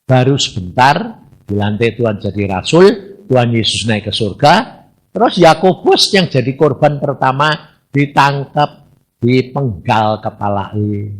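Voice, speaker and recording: A man's voice: medium pitch, a little slow. A man preaching a casual sermon, teasing his listeners and acting out conversations. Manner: lively, chatty, teasing, acts out dialogues.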